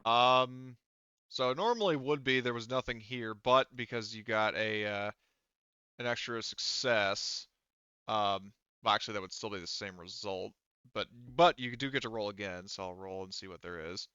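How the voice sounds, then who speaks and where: As game master for a tabletop game, a man referees casually and thinks aloud hesitantly. His fairly low voice is smooth and sharp at normal speed. The audio is band-limited, dull and dry, with no room sound.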